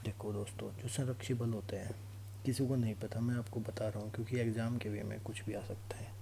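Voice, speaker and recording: Low and mellow, this male physics teacher talks at a fairly quick, steady clip during an informal class for exam students. His style is instructional, with frequent checks that everyone is keeping up. Background noise and hum come through clearly.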